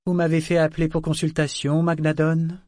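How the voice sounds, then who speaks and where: A man's voice: high voice, normal speed, a little mellow, no echo, studio quality, pitched above the performer's own voice, close to an everyday voice. A man voicing a proud, defiant woman counselor who speaks ceremoniously and coldly. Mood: formal. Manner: ceremonious, cold, reciting formally.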